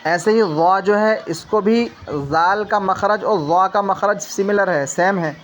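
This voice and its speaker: A man teaching Quran reading in a tajweed lesson. He explains slowly, keeps tagging his sentences with a little "na", and says each letter sound over and over for the learner. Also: high voice, a little hiss or hum. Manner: leans on the filler tag "na" while explaining.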